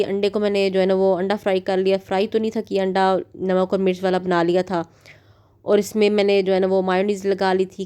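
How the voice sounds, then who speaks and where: A Pakistani mother in her thirties narrates her home routine as a vlog voice-over, chatty and full of fillers. Her voice is medium-pitched, mellow and smooth.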